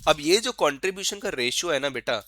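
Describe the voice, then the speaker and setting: Bright-voiced man teaching exam prep. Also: a little high, expressive, dry recording. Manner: coaxing, calls students "beta", asks and answers himself; writes formulas while speaking them slowly.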